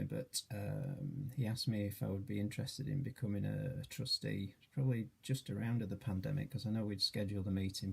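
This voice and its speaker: Low, gravelly, husky middle-aged man. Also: warm tone. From Yorkshire, England. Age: 40s. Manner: hesitant, many fillers, modest. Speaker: charity trustee and treasurer. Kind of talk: self-introduction video.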